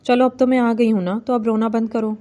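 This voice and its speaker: A woman voicing a timid, gentle young bride in a novel reading, speaking softly and pleading. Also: on the high side, flat delivery, natural voice.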